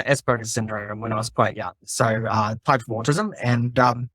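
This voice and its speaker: A man's voice: mid-range voice, a bit bright, no room sound. A middle-aged man from New Zealand, a podcast guest explaining his background step by step in casual conversation. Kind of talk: casual chat.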